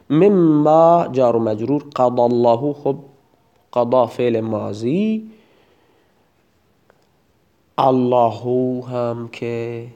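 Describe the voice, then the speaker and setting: A man's voice: medium pitch, dark tone. A man teaching a recorded grammar lesson, explaining each word in turn and sometimes reciting verse in a chanting lilt.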